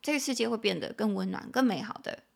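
A woman with a Taiwanese Mandarin accent hosting a casual English lesson podcast, chatty and playful, spelling out words slowly and jumping into lively acted quotes. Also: medium pitch, creaky. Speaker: podcast host teaching English.

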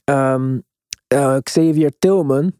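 A man's voice: mid-range voice, slow pace, dark tone, smooth, no room sound, studio quality. A man in a casual, emphatic sports discussion, mixing in English slang as he hosts. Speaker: podcast host.

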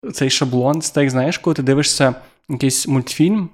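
A man's voice: mid-range voice, normal speed, a little mellow. A young man with a Ukrainian accent co-hosting a casual podcast chat, joking and self-deprecating. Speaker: podcast co-host.

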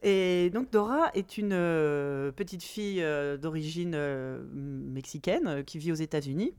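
A woman hosting a casual podcast chat, animated, laughing and breaking into mock voices. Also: low voice, measured pace, clean tone. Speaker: podcast host.

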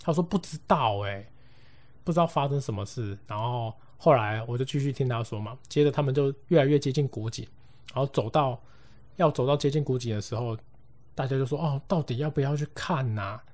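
Taiwanese guy on his podcast telling a ghost story, chatty and playful, does little voices, mid pitch. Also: brisk, a little mellow. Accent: Taiwanese Mandarin. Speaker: podcast host.

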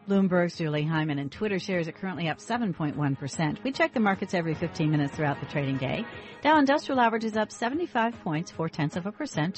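A woman's voice: on the low side, low-quality recording. A woman anchoring a scripted radio business and market news update. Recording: music bed under speech. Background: music.

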